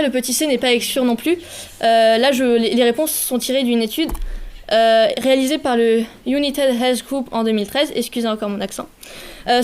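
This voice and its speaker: A young woman gives a conference talk and quizzes the audience now and then. Her voice sits a little high, and her delivery is halting, full of restarts and small self-corrections. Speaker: conference speaker for a youth association.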